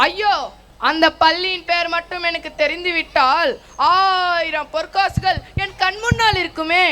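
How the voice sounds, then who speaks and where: A woman's voice: extremely high pitch, steady tone, normal speed, pushed and bright. A woman playing a poor, greedy male poet in a stage play, whiny and sarcastic as he pleads with the gods for gold. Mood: comic.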